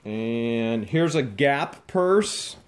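An excited, chatty man hosting a casual unboxing vlog in a dusty garage, talking to the camera as he goes through boxes. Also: mid-range voice, very slow. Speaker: host.

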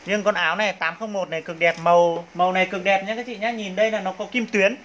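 A man's voice: high voice, steady tone, quick pace, fairly bright tone. A man with a Northern Vietnamese accent hosts a live clothing sale. He talks like a practised salesman, hyping the goods and coaxing viewers along. There is faint background noise on the phone livestream.

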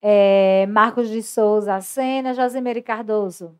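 A woman's voice: mid-range voice, fairly even intonation, slow pace, smooth. A woman, a co-host who reads viewer comments aloud in casual chat.

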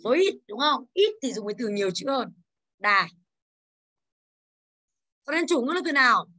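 A woman English teacher in a classroom, drilling her students with quick questions and telling them to speak up. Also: high voice, big pitch swings, bright, forceful tone.

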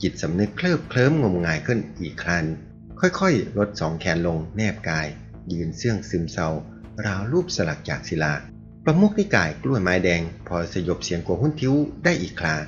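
A man narrating a martial arts novel aloud in a steady storytelling read, with faint music behind him on a dull, lo-fi recording. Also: low-pitched, fairly quick.

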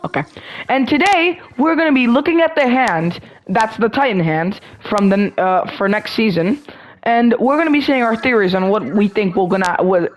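An excitable woman hosts a casual gaming chat, chatty and full of slang. Her pitch sits in an ordinary middle range, and a faint hiss of noise lies beneath the voice. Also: low-quality recording. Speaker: gaming channel host.

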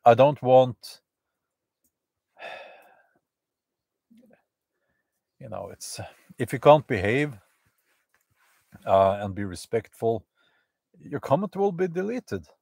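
Slow, halting man live from the woods. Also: medium pitch, expressive, gravelly, a little mellow, husky, dry recording. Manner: halting, many fillers and restarts. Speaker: channel host. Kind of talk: live stream chat to viewers. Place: outdoors in the woods at a campfire.

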